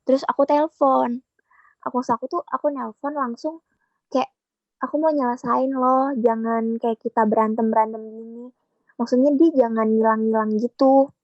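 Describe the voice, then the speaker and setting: A woman's voice: fairly high pitch, fairly even intonation, normal speed, no room sound, highs cut off. Young woman retelling a relationship story. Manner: chatty, retells conversations with quoted dialogue. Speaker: guest sharing a relationship story. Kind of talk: casual podcast storytelling.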